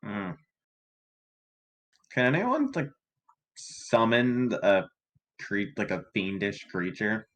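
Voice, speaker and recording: A man's voice: lowish voice, big pitch swings, takes it slowly, long pauses, fairly bright tone. A man talking casually as a tabletop game player. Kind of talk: casual chat.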